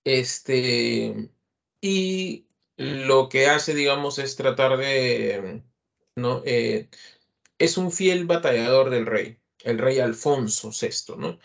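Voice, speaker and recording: A man with a Peruvian Spanish accent gives an online literature lesson in a mid-pitched voice. He talks through each point patiently and keeps checking in with short tag questions. His speech is full of hesitation fillers. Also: extremely slow, vocal fry. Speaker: literature teacher. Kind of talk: online class lecture.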